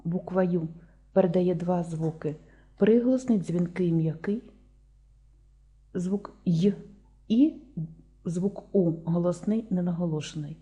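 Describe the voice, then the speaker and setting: A Ukrainian woman teaches a lesson, breaking each word down sound by sound. Her voice is very dark and mellow, with a husky edge, pitched a little low. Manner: slow, deliberate, spelling out sounds one by one.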